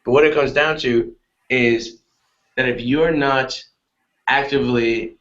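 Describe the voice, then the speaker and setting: A man in a casual motivational talk on a webinar call, energetic and repetitive, often asking "right?". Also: medium pitch, slow pace. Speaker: guest on a webinar. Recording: dull lo-fi webinar audio.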